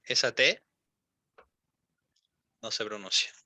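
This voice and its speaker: Young guy teaching english on a call, patient, lots of ums, repeats words slow, sharp tense voice, dry sound. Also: lowish voice, dry recording. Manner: patient, repeats and models words slowly, many fillers. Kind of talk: one-on-one pronunciation coaching.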